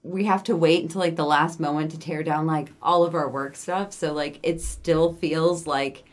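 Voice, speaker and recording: Low-voiced woman in animated chat. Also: normal speed. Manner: animated, swears freely, acts out quotes. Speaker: podcast co-host. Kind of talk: casual chat.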